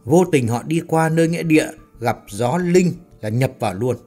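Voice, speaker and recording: A man's voice: on the high side, lively intonation, moderate pace, mellow, soft background music. A man voicing a superstitious young man who earnestly explains ghost lore.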